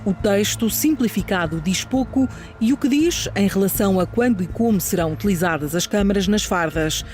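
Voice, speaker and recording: A news reporter with a European Portuguese accent narrates a scripted documentary report. The voice sits at a medium pitch, with loud music running underneath. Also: animated, a little fast. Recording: loud music bed behind voice.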